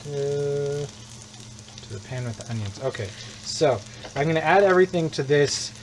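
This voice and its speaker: Speaking at a moderate pace in a slightly high voice, a U.S. man cooks at home for a live cooking stream. His talk is casual and rambling, full of joking asides, and the kitchen sizzle and frying are plainly audible.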